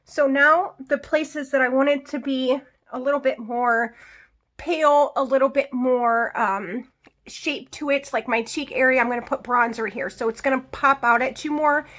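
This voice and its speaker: A woman's voice: sits high, fairly even intonation, moderate pace, a bit bright. Chatty woman talking through her makeup. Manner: chatty, explains each step, adds little asides. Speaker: beauty vlogger. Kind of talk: casual get-ready-with-me makeup tutorial.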